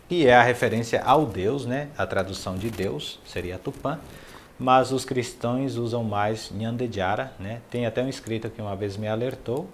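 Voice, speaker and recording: A man hosting a casual online language lesson, in a mid-range voice. He says each phrase slowly and carefully and repeats it, then explains it in fast, friendly asides. He talks straight to his viewers. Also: medium pitch, a little hiss or hum. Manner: friendly, addresses viewers directly. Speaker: language teacher.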